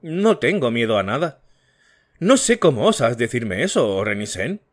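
A man's voice: sing-song, normal speed. A man voicing a proud, frightened wife who snaps defensively, in an audiobook. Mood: haughty. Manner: nervous, then imperious and shrill. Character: haughty, frightened young wife.

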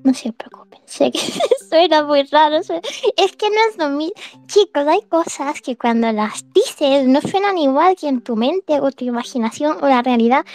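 A woman's voice: high voice, a little mellow, dry recording. A woman streamer chatting casually with her listeners, rambling and giggling often between phrases. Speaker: streamer hosting a live audio chat.

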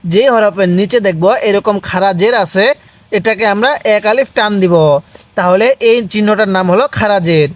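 A man teaching Quran recitation step by step, spelling out letters and vowel marks, then reciting slowly and asking viewers to repeat after him. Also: high-pitched, no room sound. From Bangladesh. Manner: asks viewers questions, then answers them himself.

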